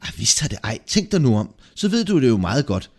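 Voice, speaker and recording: A man's voice: medium pitch, big pitch swings, a little mellow, breathy edge, voice pushed up. A man voicing a sly, greedy male wanderer who boasts and lies, with a brash, wheedling manner in a read-aloud folk tale. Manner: brash, wheedling, yelps when scared.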